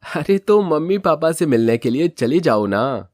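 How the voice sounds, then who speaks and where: A man's voice: fairly high pitch, sing-song, measured pace, darkish tone, dry recording, clean studio sound, voice pushed up. A man voicing a kind, easygoing young husband in a storybook tale, speaking in a plain, reassuring way. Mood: concerned. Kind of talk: storybook voice acting.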